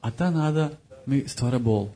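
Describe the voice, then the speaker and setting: A man quickly interpreting a sermon phrase by phrase, speaking quietly and catching up in bursts. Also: mid-range voice. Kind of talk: live consecutive interpretation of a sermon.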